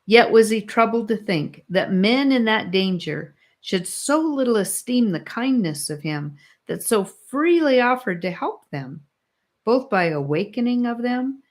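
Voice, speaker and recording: A woman with a slightly high voice reads an old religious allegory as an audiobook. Her storytelling is measured and solemn.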